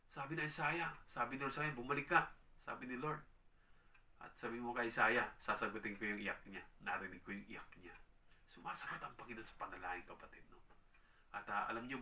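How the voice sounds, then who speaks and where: A man preaching in a Bible teaching style, tagging his sentences with questions and slowing down to read scripture. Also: on the low side, sharp tone, far from the mic. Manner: tag questions, reads scripture slowly, dramatizes quotes.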